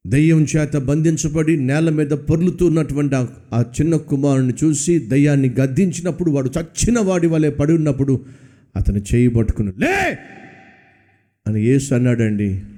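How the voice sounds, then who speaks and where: A man's voice: on the high side, a little fast, warm tone. A male pastor preaching a sermon, pleading and exhorting with dramatic rises and falls.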